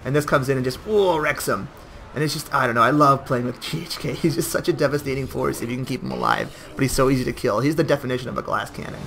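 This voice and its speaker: A man's voice: mid-range voice, expressive, quick pace, creaky, fairly bright tone, slight background noise. A young man giving casual, rambling commentary over a strategy game battle, with jokey self-mocking asides. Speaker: gameplay commentator.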